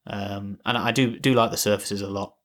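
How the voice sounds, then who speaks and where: Low-voiced man chatting about tech. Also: level tone, moderate pace. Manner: rambling, many restarts and fillers. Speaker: podcast co-host. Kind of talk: casual tech chat.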